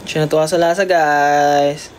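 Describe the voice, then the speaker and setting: A livestream host chatting casually to viewers about a pet cat, at times slipping into a high coaxing baby voice for the cat. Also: steady tone, normal speed, a little hiss or hum. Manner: chatty, keeps addressing viewers.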